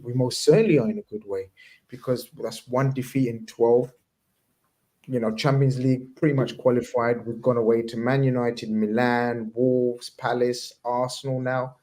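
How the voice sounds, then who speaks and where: A man's voice: mid-range voice, fairly even intonation, normal speed, mellow. A man hosting a casual chat, talking in a rambling way with slang and many restarts. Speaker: podcast host.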